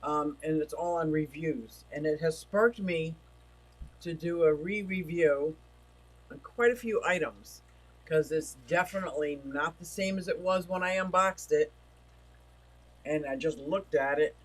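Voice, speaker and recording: A man hosts a casual livestream from home, rambling and chatty as he reads viewer comments aloud, feeling like he is losing his voice. His pitch is fairly high and his pace measured, on a rough recording.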